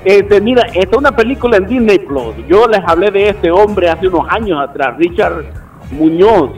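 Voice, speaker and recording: High-voiced man telling stories off-mic. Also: moderate pace, recorded from a distance, muffled recording. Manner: animated storyteller, acts out quoted voices, laughs a lot. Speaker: radio show co-host. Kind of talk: casual storytelling chat. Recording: voice a bit off the mic with faint music.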